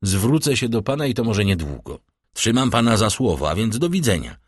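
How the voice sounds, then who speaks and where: A man's voice: on the low side, big pitch swings, brisk, breathy edge, dry recording, clean studio sound. A man reading the part of an earnest, lovestruck young army captain. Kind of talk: audiobook character reading.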